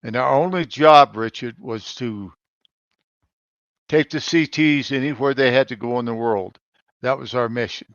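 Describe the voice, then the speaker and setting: Older man on a lo-fi call, halting speech. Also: mid-range voice, no room sound. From Colorado, United States. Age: 70s. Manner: halting, with frequent pauses and swings in loudness. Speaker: navy veteran guest. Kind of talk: conversational interview answers.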